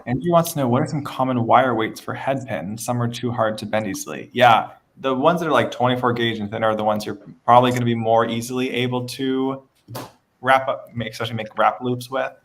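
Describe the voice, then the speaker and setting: Gravelly man hosting a beading livestream. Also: medium pitch, a little fast, a bit bright, a little hiss or hum. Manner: chatty, laughs often, reads viewer questions. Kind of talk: casual livestream chat. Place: West Coast of the United States.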